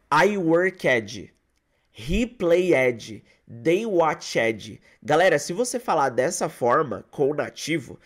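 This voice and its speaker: Animated Brazilian English teacher. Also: male voice, a little high. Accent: Brazilian Portuguese. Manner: lively, addresses viewers directly, models English phrases slowly. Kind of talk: online English lesson. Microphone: close microphone.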